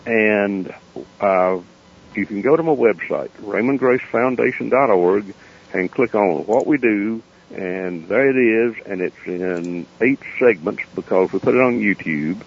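Low-pitched man, Appalachian accent, gravelly and clean-toned, folksy storytelling, plain-spoken interview guest, dull lo-fi radio sound. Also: a little slow. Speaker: interview guest, founder of a foundation.

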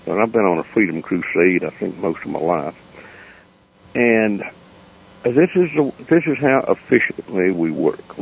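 Gravelly man with an Appalachian accent. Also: low-pitched, animated. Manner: folksy, plain-spoken, unhurried. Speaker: interview guest, founder of a foundation. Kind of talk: unscripted storytelling in a radio interview. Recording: dull lo-fi radio interview sound.

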